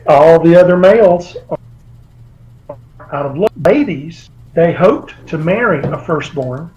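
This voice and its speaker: A man's voice: on the high side, expressive, takes it slowly, a little mellow, slight background noise, rough recording. A man, an author being interviewed over a video call, telling long rambling anecdotes. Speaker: author guest. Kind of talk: remote interview.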